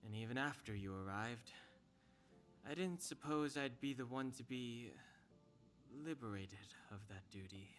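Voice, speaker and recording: A man's voice: mid-range voice, unhurried, fairly bright tone, soft background music, lightly acted. A man voicing a reserved, matter-of-fact young man in a video game. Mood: calm.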